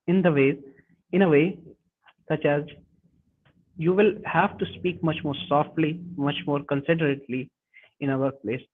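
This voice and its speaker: A man presenting a webinar lesson, talking haltingly with frequent restarts and self-corrections. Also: a little high. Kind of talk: lecture on workplace communication. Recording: tinny phone-like webinar audio.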